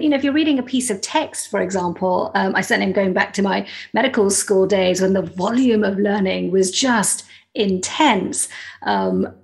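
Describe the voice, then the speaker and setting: A woman, a doctor hosting a podcast, asking questions and reacting enthusiastically. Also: mid-range voice. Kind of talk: interview conversation.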